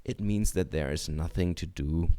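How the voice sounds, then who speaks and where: A man reading a book aloud in a deliberate, measured way, adding short comments as a teacher. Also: sits low, warm tone. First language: German.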